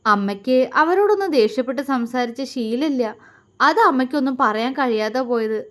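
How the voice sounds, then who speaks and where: A woman voicing a gentle, grieving middle-aged mother who speaks in soft, tearful pleas. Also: high-pitched, expressive, a little fast. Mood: sorrowful.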